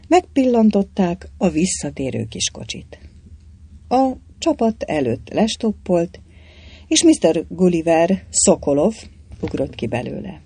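An audiobook reader narrating an adventure novel with lively, expressive delivery. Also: medium pitch, husky. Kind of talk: storybook reading.

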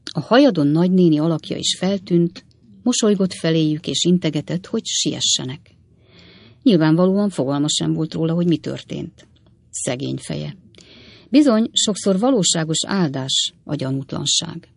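A woman narrating an audiobook in a measured, expressive reading. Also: sits low, vocal fry, dry recording.

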